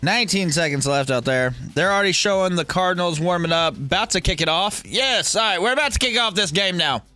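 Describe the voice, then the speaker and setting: Hosting a casual sports watch-along livestream, a man in his thirties banters profanely and jokes while answering viewer comments. His voice sits high, fairly quick, bright and forceful, recorded dry over soft background music.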